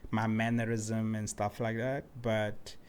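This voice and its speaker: In a casual interview, this Congolese-born guest artist raised in Cape Town talks in a smooth, lowish voice at an unhurried pace. He comes across as easygoing and thoughtful, often slipping in "you know" and "man."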